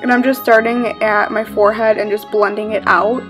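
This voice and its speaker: In a living room with a red couch, a woman in her twenties casually talks through a makeup tutorial as a vlogger. Her mid-range voice is brisk and relaxed, peppered with "um" and "like," over background music on a rough recording.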